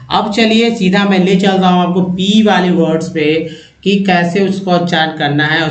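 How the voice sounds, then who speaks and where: A man teaching English vocabulary in a chatty, slow pronunciation drill, addressing viewers as friends. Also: a little high, a little hiss or hum. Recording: echoey room.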